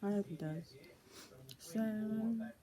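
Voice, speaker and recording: A woman's voice: mid-range voice, slow pace, crowd noise, poor audio. A young woman chatting casually through a vlog, rambling with lots of "so, yeah" fillers, recorded on a tablet's built-in mic. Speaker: vlogger. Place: indoors in daylight.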